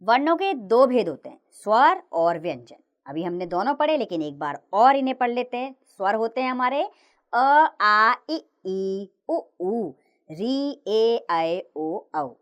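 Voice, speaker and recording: Woman teaching children in a lively sing-song voice. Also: a little high. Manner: slow, clear recitation of letters with lively sing-song rises and falls. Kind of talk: children's grammar lesson narration.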